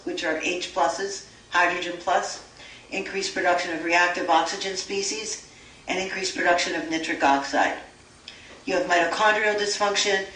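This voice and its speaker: Her voice is fairly low and a bit bright. Lecturing as a naturopathic doctor in a store event room, she steadily works through lists with occasional stumbles and self-corrections, sounding distant in an echoey space with faint hiss.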